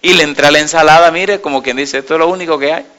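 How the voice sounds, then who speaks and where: A man's voice: a little high, racing, clear, resonant tone. A man preaching a sermon to a congregation, asking them yes-or-no questions and telling stories with quoted dialogue. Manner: asks the congregation call-and-response questions; storytelling with quoted dialogue, swings from loud to quiet.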